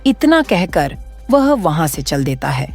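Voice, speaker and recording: A woman narrates a horror cartoon story at a measured pace, her pitch rising and falling in a lively, animated way. Her delivery stays steady, and faint music plays in the background.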